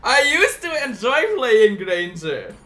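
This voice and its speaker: High-voiced animated gamer bro guy. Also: takes it slowly. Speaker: esports caster streaming a game. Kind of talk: casual livestream gameplay commentary.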